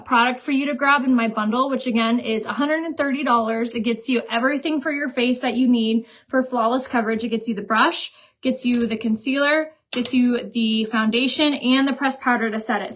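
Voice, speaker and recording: A woman's voice: a little high, fairly bright tone, a little hiss or hum. A young woman hosting a live stream, chatting casually and giggling while she sells makeup.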